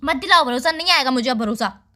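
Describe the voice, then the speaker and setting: A woman's voice: sits high, animated, fast, pushed and bright. A young woman on a phone call with her boyfriend, accusing and scolding him without letting him speak. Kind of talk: phone argument between a couple.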